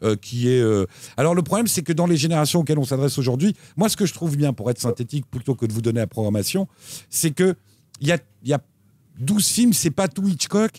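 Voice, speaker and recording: A man co-hosting a casual chat show about TV and streaming picks, talking in an animated way with lively jumps in pitch. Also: quick pace, no room sound. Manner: animated, lively pitch swings, frequent restarts. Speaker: co-host recommending TV shows.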